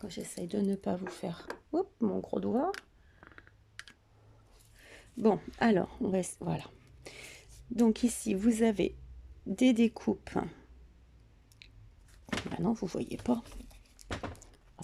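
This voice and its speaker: A woman casually showing her scrapbook album, hesitant and full of fillers, often dropping into a soft half-whisper. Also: medium pitch, a little slow, gravelly, pauses often, slight background noise. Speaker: scrapbooking vlogger. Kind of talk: casual craft show-and-tell.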